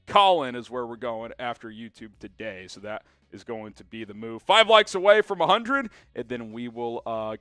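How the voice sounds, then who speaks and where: Young male host for live sports talk, energetic and chatty, clean resonant voice, dry close sound. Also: mid-range voice, smooth, no room sound. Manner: energetic, chatty, many fillers. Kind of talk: live-stream sports talk, reading viewer chat.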